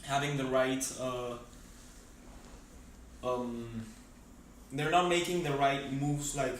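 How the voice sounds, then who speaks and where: A man's voice: medium pitch, fairly even intonation, slow, slight background noise. A teenage boy from Venezuela answering interview questions in a casual, hesitant way, with many fillers and restarts. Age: teens. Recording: echoey room, mic at a distance.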